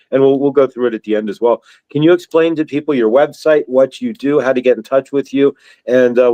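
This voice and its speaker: A man's voice: mid-range voice, mellow, no echo. A man hosting a casual live stream, sounding dazed and loopy with a mouth numb from dental work. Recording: dull, lo-fi sound.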